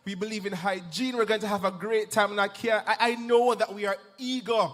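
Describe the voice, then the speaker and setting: High-voiced man hyping a crowd in a hall. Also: a little fast. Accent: Jamaican. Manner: energetic, shouting to rouse the audience. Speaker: master of ceremonies. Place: large event hall. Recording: big hall reverb with faint music.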